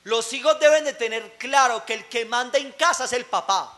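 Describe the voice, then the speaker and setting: Pastor, bright forceful tenor, emphatic live sermon with shouted peaks. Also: male voice, very high voice, normal speed. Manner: emphatic, rising to shouts on key words; asks the congregation rhetorical questions. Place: church service, recorded live.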